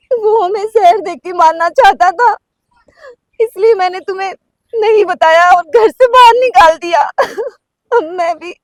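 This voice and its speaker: Woman doing a shrill emotional wife, super high voice, dry close mic. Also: no room sound. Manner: emotional, pleading. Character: wronged wife, fierce then remorseful. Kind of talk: village short-film acting.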